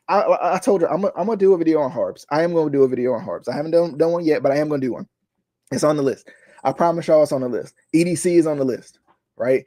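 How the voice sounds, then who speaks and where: A man's voice: a little high, dark tone. Frustrated man ranting about football. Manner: frustrated, repetitive ranting, talks to viewers as y'all. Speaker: sports show host. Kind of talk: casual sports commentary vlog.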